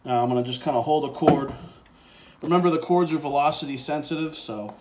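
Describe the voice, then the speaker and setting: Slightly high-voiced and brisk, a man thinks aloud through a laid-back, hands-on demo of software and a synth for a music gear tutorial, with background noise audible. He sits indoors by a synthesizer keyboard, captured on a handheld phone and a separate handheld mic.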